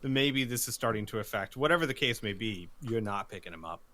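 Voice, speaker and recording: A man running a tabletop game as game master, narrating casually in a halting, conversational way. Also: on the low side, lively intonation, bright, forceful tone.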